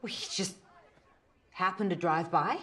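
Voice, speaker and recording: An actress playing a weary, jealous middle-aged woman who stammers nervously and swings from hushed to agitated. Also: fairly low pitch, measured pace. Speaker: actor in a film scene. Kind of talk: naturalistic film acting.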